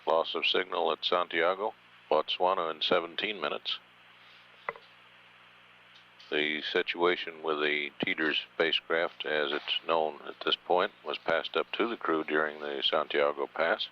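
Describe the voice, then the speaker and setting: Extremely deep-voiced male mission control radio announcer. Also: fairly even intonation. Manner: formal, measured announcing. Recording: dull lo-fi feed with faint hum.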